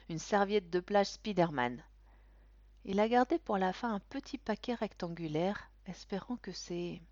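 A woman narrating a storybook with an expressive, animated reading. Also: lowish voice, no echo. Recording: dull, dry recording.

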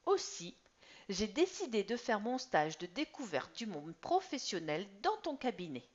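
A woman reading a story aloud, voicing an earnest, eager teenage boy with high, insistent and sometimes whiny outbursts. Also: very animated, unhurried. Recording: slightly dull lo-fi recording.

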